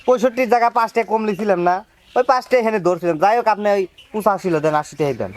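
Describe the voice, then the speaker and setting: A man's voice: sits high, racing, close to an everyday voice. A man playing a cheeky village street hawker who talks in a sing-song, wheedling sales patter. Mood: pushy. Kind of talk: rural comedy drama acting.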